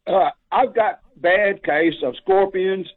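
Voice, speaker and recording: A man's voice: high-pitched, slow. Older man calling in on speakerphone. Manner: plain-spoken, hurrying to get questions out. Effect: voice heard over a phone line on speakerphone. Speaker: radio call-in caller. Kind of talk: casual call-in questions. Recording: tinny phone line.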